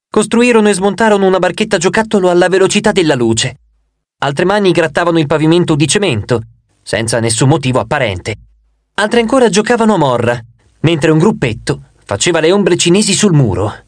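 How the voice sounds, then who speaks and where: Male audiobook reader, lively swinging voice, bone dry close sound. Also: on the high side, a little fast, no echo. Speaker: audiobook narrator. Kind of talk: scripted first-person audiobook narration.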